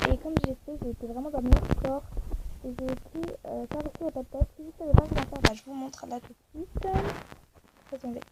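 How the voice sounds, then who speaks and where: A young woman casually commenting on a game she plays, rambling with many fillers. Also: high voice. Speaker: gaming video creator. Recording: faint background noise.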